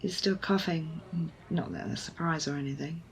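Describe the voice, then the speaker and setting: A low-voiced woman at normal speed performs an ASMR roleplay as a young rescuer who is wry, evasive, sardonic, and hesitant. The mood lands somewhere between awkward and reassuring, with noisy ambience behind the close voice.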